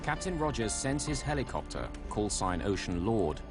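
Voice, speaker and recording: Guy narrating a dramatic documentary, lowish voice, music running underneath. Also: big pitch swings, normal speed. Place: voice-over recording.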